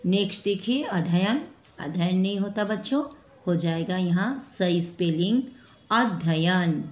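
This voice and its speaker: A woman teaching a spelling lesson to children, repeating each word slowly and correcting mistakes one by one. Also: on the low side, darkish tone. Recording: echoey room with faint ambient noise.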